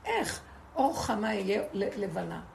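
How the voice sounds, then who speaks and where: A woman's voice: mid-range voice, expressive, gravelly, darkish tone, a little hiss or hum. A woman giving an impassioned spiritual lesson to a group, asking rhetorical questions and repeating words for emphasis. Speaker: Torah teacher.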